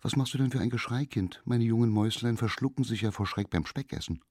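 A man voicing a small, anxious mother mouse who chatters quickly and fretfully in a fairy tale. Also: medium pitch, a little mellow, no echo, clean studio sound, pitched above the performer's own voice, lightly acted.

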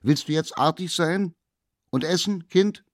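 A man voicing a stern mother who calls loudly through the door to her naughty child in a fairy tale. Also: no room sound, studio quality, close to an everyday voice. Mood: stern calling. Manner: shrill, loud, hurried calling.

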